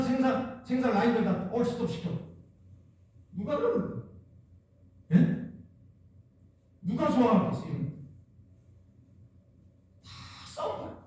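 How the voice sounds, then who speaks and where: A pastor from Korea's Jeolla region preaches in a very high-pitched, darkish voice. His sermon is emphatic and repetitive, packed with rhetorical questions, recorded on a distant mic in an echoey church hall.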